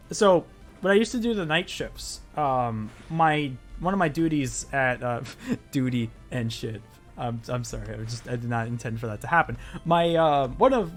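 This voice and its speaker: A man streaming a game and telling a story in a loose, rambling way, full of fillers and swearing. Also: on the high side. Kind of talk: casual storytelling while playing a game.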